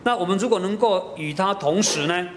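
A man's voice: sits high, fairly quick, a little hiss or hum. A middle-aged man with a Taiwanese Mandarin accent preaching a sermon. He tells stories with many fillers and slips into Taiwanese.

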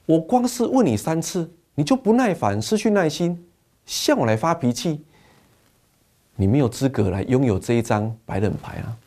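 A persistent young man, as a preacher plays him, asking plain questions in a lively, rising and falling voice. His tone stays dark and mellow. He speaks directly and without hesitation. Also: a little high, normal speed. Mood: reproachful.

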